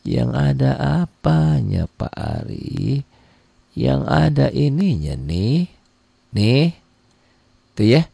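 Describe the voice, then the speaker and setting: A man's voice: huge pitch swings, creaky, warm tone, husky, no echo. A middle-aged man teaching Quran reading in a casual, chatty live online lesson, answering viewer comments and acting out little dialogues, sounding a bit tired. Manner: casual, chatty teaching with quick pitch jumps and acted-out dialogue.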